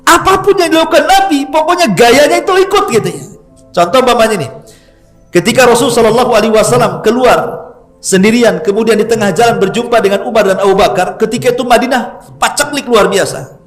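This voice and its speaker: A middle-aged male preacher tells stories in a bright, high voice. He keeps his sermon chatty and playful, teasing his listeners as he goes. Soft music sits faintly underneath. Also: a little fast. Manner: lively, chatty, jokes with the audience. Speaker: Islamic preacher. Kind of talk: storytelling sermon.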